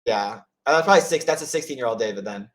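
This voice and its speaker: A man hosting a chat, telling stories casually and rambling, with many "like" fillers and restarts, and acting out quoted voices. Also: fast. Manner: rambling, heavy use of "like" and restarts; acts out quoted voices with lively pitch jumps. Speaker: host of office hours.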